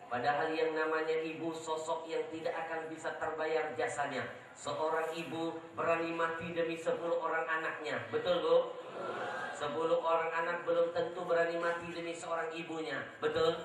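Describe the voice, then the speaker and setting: A man preaching a sermon at a religious gathering. He is lively and joking, and he often asks the crowd for agreement. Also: a little high, normal speed, far from the mic. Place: large outdoor religious gathering. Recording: echoey sound system heard from afar, with noise.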